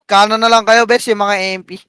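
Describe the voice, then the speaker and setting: A man calling shots for his team in live game voice chat, barking rapid commands and countdowns and swearing. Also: sits high, little pitch movement, bright, forceful tone, clean tone, no echo. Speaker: team shotcaller.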